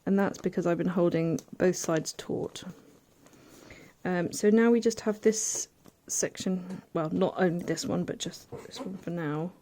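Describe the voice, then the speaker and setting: Mellow-voiced woman demonstrating quilt piecing. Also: lowish voice, measured pace, a little hiss or hum. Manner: chatty, thinks aloud while working, soft asides. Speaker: quilting tutor. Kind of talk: casual hands-on sewing demonstration.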